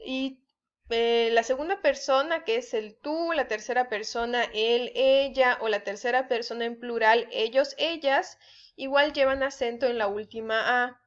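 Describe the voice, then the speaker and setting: A woman's voice: fairly high pitch, a little slow. A woman teaching spelling rules to students, patiently checking in and acting out example sentences. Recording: dull lo-fi recording.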